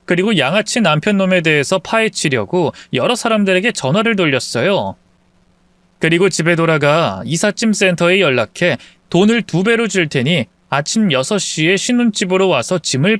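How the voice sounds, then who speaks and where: A man's voice: fairly high pitch, fairly bright tone, no echo. A man narrating a dramatic true-life story in scripted style, speaking with cold, cutting retorts.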